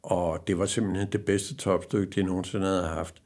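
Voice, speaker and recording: An older man tells an anecdote in a low, gravelly voice. He halts often with fillers and slips into the voices of the people in his story. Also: fairly even intonation, a little mellow. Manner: anecdotal, halting with many fillers, acts out quoted dialogue. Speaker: former racing driver. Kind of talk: casual storytelling.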